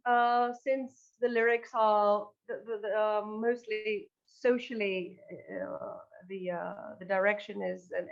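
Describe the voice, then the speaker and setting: In a muffled recording, a medium-pitched woman from northern Greece, singer and lyricist of a band, answers an interviewer's questions. She is earnest and hesitant, repeating words along the way.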